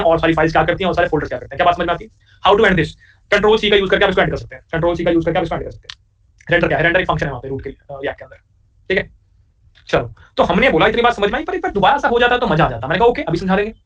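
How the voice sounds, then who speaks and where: A man rattles through a coding lesson at a very fast clip, his voice sitting fairly high. He keeps asking his class questions and repeating them, with joking asides. The sound is dull and lo-fi, picked up from some distance. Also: a bit bright. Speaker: programming teacher. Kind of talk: live coding lecture.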